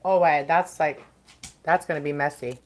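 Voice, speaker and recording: A woman doing a casual mukbang, eating and talking to viewers in unhurried, stop-and-start remarks. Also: sits low, fairly even intonation. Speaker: mukbang livestream host.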